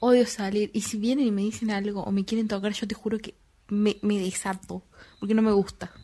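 A woman's voice: medium pitch, level tone, a little fast, dark tone. A young woman, chatting casually, blunt and self-deprecating, swearing freely. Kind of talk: casual chat.

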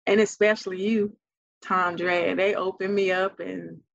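A middle-aged woman speaks slowly and unhurriedly, her voice carrying a gravelly fry. She tells a heartfelt personal story with tender warmth, and the close, dry recording sounds slightly dull. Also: mid-range voice, little pitch movement, slight background noise. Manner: tender, faith-filled, laughing between thoughts. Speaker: guest mother.

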